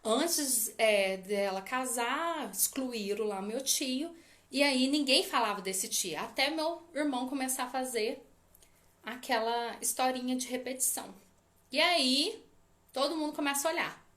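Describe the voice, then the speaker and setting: A woman's voice: high voice, measured pace, fairly bright tone. A woman with a Brazilian Portuguese accent, a family constellation therapist giving an informal talk and speaking straight to her listeners. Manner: addresses listeners directly with frequent "tá?" tags. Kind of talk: informal lecture to an audience.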